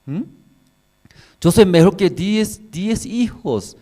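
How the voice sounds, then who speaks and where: A puzzled, devoted husband, acted by a man preaching, who keeps pleading with the same questions in a voice raised far above his own. The delivery is loud, slow and insistent. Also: high-pitched, expressive, voice pushed up, full character voice. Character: baffled loving husband pleading with his wife.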